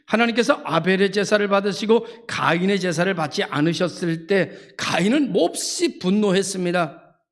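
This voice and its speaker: Gravelly-voiced Korean pastor preaching. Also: male voice, animated, moderate pace. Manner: rising to high emphatic repetitions; acts out voices of churchgoers and God. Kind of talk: sermon. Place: church sanctuary.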